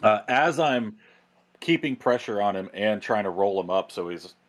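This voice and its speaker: A man's voice: on the low side, lively intonation, moderate pace. A man playing in a tabletop game, describing his actions and making dry, wry remarks. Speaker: player. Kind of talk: casual tabletop play.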